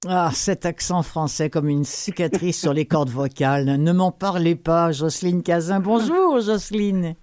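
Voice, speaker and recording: A woman in her sixties from France with a French accent, hosting an interview in a lively, chatty way with frequent laughs. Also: fairly low pitch, measured pace, hardly any pauses. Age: 60s. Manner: lively, laughs often, restarts words. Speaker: host. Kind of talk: interview talk.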